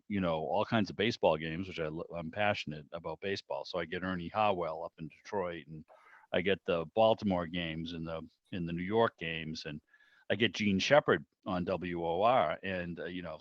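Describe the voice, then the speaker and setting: Speaking low at a normal pace, a middle-aged man from the Boston area of the United States chats and rambles about the past during an online video meeting, peppering talk with "you know." The video call mic produces dry, dull audio.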